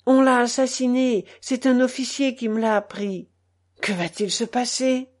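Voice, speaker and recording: A woman doing a low, anxious householder. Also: steady tone, unhurried. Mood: worried. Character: middle-aged master of the house, anxious.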